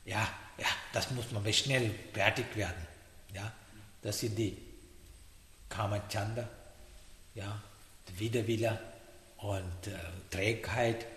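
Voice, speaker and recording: A man giving a meditation talk in halting German, often checking in with a questioning "ja?". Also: fairly low pitch, steady tone, fairly bright tone. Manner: halting non-native German, frequent "ja?" checks. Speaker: meditation teacher. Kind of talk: dharma talk. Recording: echoey hall, faint noise.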